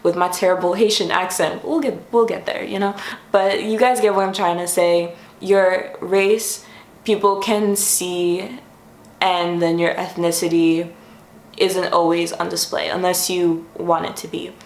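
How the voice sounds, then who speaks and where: A young YouTube host sits on the floor of her room for a casual explainer vlog, friendly and chatty, sometimes stopping to correct herself. Her lowish voice is steady and unhurried, and the sound is roomy.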